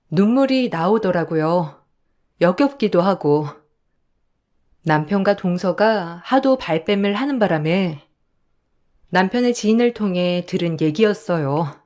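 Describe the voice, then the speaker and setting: A woman's voice: on the low side, animated, measured pace, darkish tone. A woman reading a first-person story aloud in an emotional, confiding way. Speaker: story narrator.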